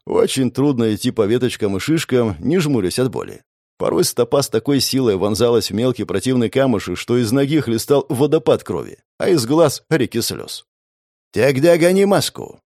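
A man narrating a comic fantasy novel in the first person, with an ironic, lively storytelling manner. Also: medium pitch, no room sound, clean studio sound. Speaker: audiobook narrator.

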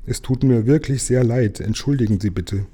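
A man's voice: fairly low pitch, moderate pace, warm tone, breathy edge. A man reading aloud, voicing an apologetic, slightly plaintive mail carrier in a children's story. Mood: plaintive, polite. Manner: apologetic, anxious.

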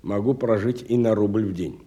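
Voicing a bitter, wealthy, educated industrialist for a radio stage play, this man speaks at a moderate pace with a fairly low pitch. The acting is light, though theatrical and reflective, alternating soft lines with emphatic ones.

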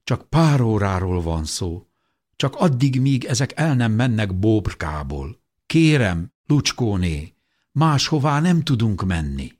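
A man's voice: on the low side, sing-song, darkish tone. A man voicing a wounded, desperate mother who urgently pleads with a neighbour for shelter. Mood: pleading.

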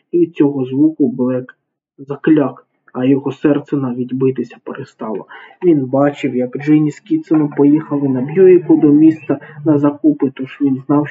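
A man reading a crime novel aloud as audiobook narration, steady and dramatic. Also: fairly high pitch, normal speed, breathy edge. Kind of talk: scripted narration. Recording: tinny phone-like sound.

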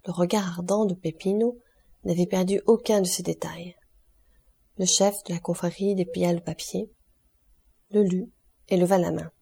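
A woman reads a classic novel as an audiobook, measured yet expressive. Her voice is on the low side, slightly rough, with vocal fry.

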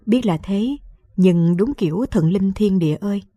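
A woman reading a first-person story for late-night radio, lively, wry and conversational. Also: mid-range voice, moderate pace.

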